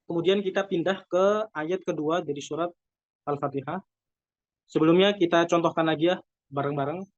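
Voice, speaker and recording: An Indonesian man teaching Quran recitation rules, explaining step by step and then reciting slow, drawn-out examples. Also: a little high, no room sound. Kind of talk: tajwid lesson with recited examples. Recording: dull, dry lo-fi recording.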